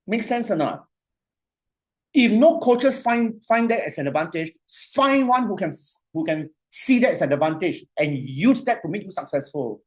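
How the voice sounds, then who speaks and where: Animated lecturer who keeps asking "you see?". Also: male voice, high voice, breathy edge. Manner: animated, repetitive, asks "you see?" often; slows way down to dictate phrases. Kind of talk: classroom lecture.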